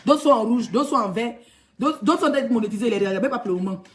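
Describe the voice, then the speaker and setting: High-voiced Ivorian woman ranting. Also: quick pace. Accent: Ivorian French. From Ivory Coast. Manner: heated, mocking, animated. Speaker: blogger. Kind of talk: ranting social media vlog.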